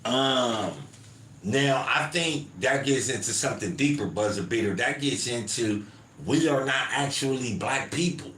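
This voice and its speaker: Unhurried and mid-range with a slightly bright edge, this American podcast host talks casually to his audience, reads out chat comments, and keeps saying "you feel me" and "man." It's a roomy home setup with faint ambience and a little background noise.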